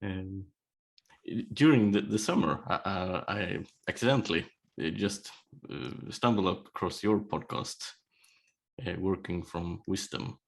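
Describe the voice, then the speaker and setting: Deep, gravelly, halting male podcast host. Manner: hesitant, halting with repeated false starts. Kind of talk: casual interview chat.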